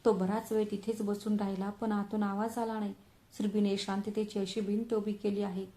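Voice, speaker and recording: A woman telling a family drama story in a measured, emotional narration. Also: mid-range voice, little pitch movement, dark tone. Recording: roomy echo.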